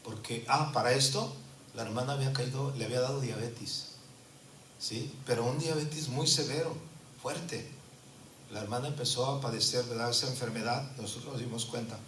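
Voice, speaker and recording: A man's voice: mid-range voice, moderate pace, a bit bright, recorded from a distance. Earnest preacher man in an echoey church. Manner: earnest preaching, frequent tag questions. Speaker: pastor. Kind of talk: sermon with personal testimony. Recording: echoey church from afar, faint noise.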